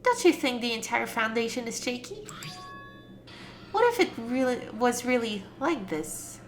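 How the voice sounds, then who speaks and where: A woman's voice: fairly high pitch, big pitch swings, a little slow, soft background music. A woman voicing a mischievous robot bear villain from a video game, smug, taunting and theatrical. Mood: taunting, bored. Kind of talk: video game character read-aloud.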